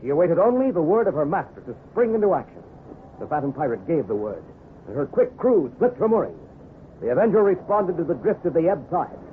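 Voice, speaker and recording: Speaking briskly in a high-ish voice with big pitch swings, a man tells a seafaring tale in the flowery, theatrical manner of old-time radio. The recording sounds like a tinny, noisy vintage broadcast, and the tone is tense and dramatic.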